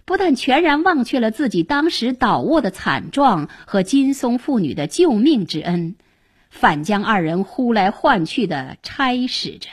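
A woman storyteller narrates in a traditional, dramatic style. Her slightly husky voice rises and falls widely, and she takes her time with each phrase. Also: on the high side, sing-song, a little slow.

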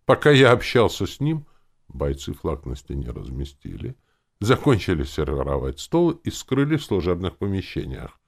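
A man narrating a first-person audiobook in a wry, expressive way. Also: low-pitched, gravelly.

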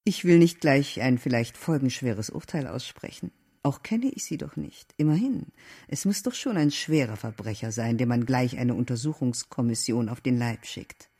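A man's voice: mid-range voice, expressive, moderate pace, mellow, husky, voice pushed up. A man reading an audiobook, voicing a curious, talkative young woman lodger with an inquisitive, lightly mocking manner. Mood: curious, teasing.

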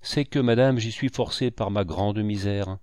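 A man's voice: on the low side, moderate pace, darkish tone, smooth, no room sound, clean studio sound, lightly acted. A man voicing a poor, honest young mother who speaks humbly in a storybook reading. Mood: grateful. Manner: humble, pleading.

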